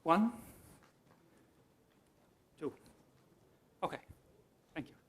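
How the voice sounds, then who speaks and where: A man's voice: on the high side, lively intonation, drawn-out words. A man giving a conference talk, explaining his answers to audience questions and often restarting his sentences. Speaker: conference speaker. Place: conference hall.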